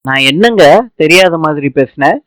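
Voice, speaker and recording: A man's voice: on the high side, expressive, normal speed, fairly bright tone, no room sound. A man voicing a playful young wife who teases and orders her husband about, in a serial recap narration. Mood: teasing. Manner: teasing, bossy. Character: cheerful young woman, playful teasing wife.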